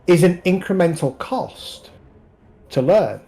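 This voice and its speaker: A game master narrates a streamed tabletop session in a slow, easy delivery. His voice sits a little high for a man, and he leans on fillers as he talks. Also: slightly rough, poor audio. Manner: relaxed, unhurried narration with fillers.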